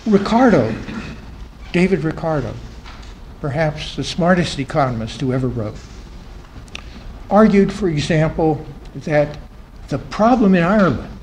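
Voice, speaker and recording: A man's voice: a little high, lively intonation, a little slow, pauses often, a little mellow, a little hiss or hum, rough recording. A man giving an academic talk to a live audience as a conference panel speaker. He repeats key phrases for emphasis, and his voice drops off at the ends of phrases. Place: conference room.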